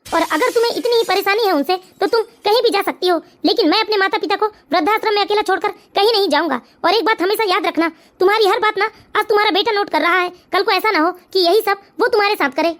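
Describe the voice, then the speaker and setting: A performer with a very high voice playing a dutiful grown son and father in an animated family story, earnest and lecturing. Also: fast talker, few pauses. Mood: stern. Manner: earnest, turns stern and lecturing. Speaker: cartoon character.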